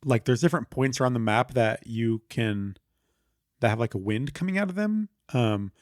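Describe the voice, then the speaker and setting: A man's voice: medium pitch, expressive, moderate pace, darkish tone, no room sound. Rambly podcast guy, dry close mic. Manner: rambling with many fillers, retelling a game story. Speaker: podcast co-host. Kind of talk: casual chat.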